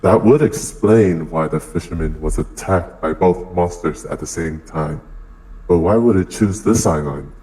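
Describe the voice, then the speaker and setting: A man doing a gruff army major through a voice changer. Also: a little slow, mellow, low-quality recording. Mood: stern. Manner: clipped, matter-of-fact questions. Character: gruff male army major, terse and sarcastic. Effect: voice changer deepening the voice. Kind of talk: amateur group reading of fan fiction.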